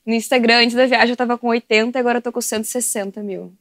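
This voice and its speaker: A woman, an animated guest telling stories on a podcast and laughing often. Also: on the high side, racing, dry recording, studio quality. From southern Brazil. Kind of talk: casual podcast chat.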